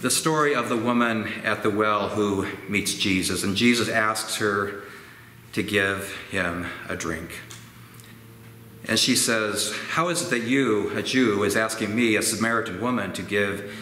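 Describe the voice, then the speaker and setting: A pastor in his sixties with a fairly low voice delivers a slow, gentle, reflective sermon, gesturing expressively with his hands. He stands in a church sanctuary with organ pipes, captured by a fixed camera at medium distance, with roomy echo and faint ambient noise.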